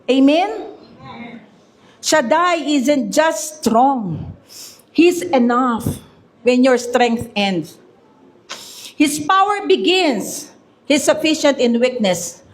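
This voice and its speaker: A woman pastor preaching a sermon at a church service, mixing Tagalog and English and calling out "Amen?" to the congregation. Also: fairly high pitch. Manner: preaching with call-and-response Amen; switches between Tagalog and English.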